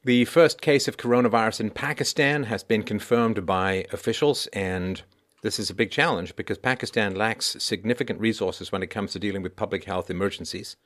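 A man hosting a news commentary show, reading out reports with deliberate, emphatic phrasing. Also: on the low side, fairly bright tone. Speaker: online commentary show host.

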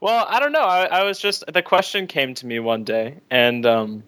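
A man calling in to a talk show, hesitant and apologetic, filling pauses with ums. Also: a little high, fairly bright tone, no room sound. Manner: hesitant, apologetic, full of fillers. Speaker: caller. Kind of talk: call-in conversation.

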